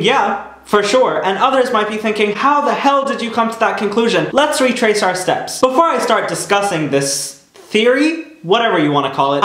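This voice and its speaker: A man's voice: high voice, a bit bright. A man with a slight lisp from braces, chatting emphatically and straight to viewers as a fan theory video host. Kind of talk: casual scripted-feel video commentary to viewers. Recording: echoey untreated room.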